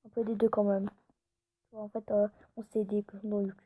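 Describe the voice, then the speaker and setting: A woman's voice: mid-range voice, flat delivery, brisk, warm tone, no room sound. A woman YouTuber giving casual gameplay commentary, chatty and often dropping into whispered asides. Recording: tinny phone-like recording.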